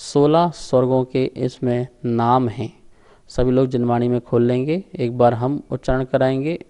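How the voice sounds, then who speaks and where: A man's voice: medium pitch, steady tone, normal speed, mellow, smooth. A man teaching a scripture class, explaining grammar patiently and leading the students in call-and-response recitation, chanting each sutra syllable by syllable.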